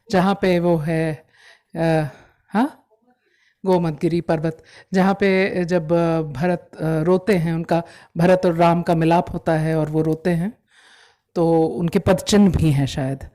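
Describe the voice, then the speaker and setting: A woman at a live gallery event, chatting briefly and then reciting a long poem in a measured way that swells with emotion. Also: on the low side, dark tone. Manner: mixes Hindi and English, measured, swells with emotion in the verse. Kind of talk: live poetry recitation with chat. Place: exhibition event in a gallery hall.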